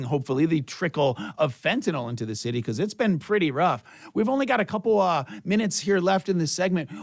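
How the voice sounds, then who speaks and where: Male American morning radio host, high-pitched with noticeable vocal fry, recorded dry and close. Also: no room sound. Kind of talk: radio interview hosting. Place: radio studio.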